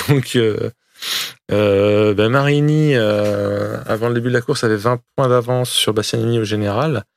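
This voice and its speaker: Man, creaky voice, casual motorsport commentator, slangy, joking, dry close sound. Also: fairly low pitch, fairly even intonation, a little slow, no room sound. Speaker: motorsport podcast host recapping a race.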